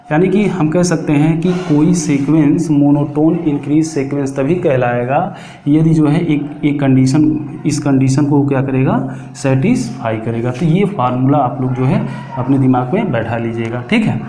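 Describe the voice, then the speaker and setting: A man teaches a math class. He walks through each step and asks and answers his own questions. His fairly high, mellow voice carries through an echoey room, with a faint hum of background noise. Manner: slows down while dictating English formulas. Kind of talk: classroom lecture.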